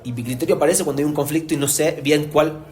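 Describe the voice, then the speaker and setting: Un hombre con acento que da una clase en vivo a padres como rabino, explicando con ánimo y preguntando a menudo si se entiende. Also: male voice, on the high side, fast. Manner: animated, explanatory, asks "¿se entiende?" often. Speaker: rabbi teaching parents. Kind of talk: live lecture to an audience. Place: community hall with an audience.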